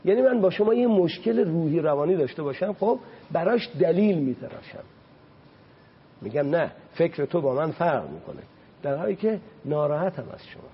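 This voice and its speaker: A man speaking as a religious guest on a talk show, preaching with passion and slowly reciting Arabic quotations. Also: on the high side, animated, husky, lo-fi sound. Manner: impassioned, rises sharply on points.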